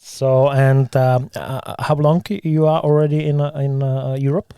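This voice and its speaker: A man whose first language is Czech hosts a casual interview in halting English, with many pauses and fillers. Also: mid-range voice, flat delivery, warm tone, clear, resonant tone, no echo. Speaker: podcast host.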